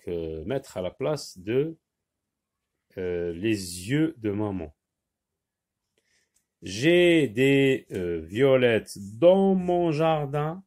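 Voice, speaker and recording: A man teaching a reading lesson, slowly repeating each word and breaking it into syllables. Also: on the low side, mellow.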